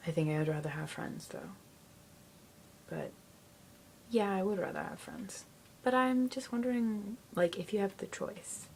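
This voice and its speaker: Teenage girl, casual video chat, giggly, slips into near-whispers, fry in the voice. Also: mid-range voice, a little slow, long pauses, slight background noise. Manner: chatty, giggly, often drops to a soft near-whisper. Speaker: video blogger.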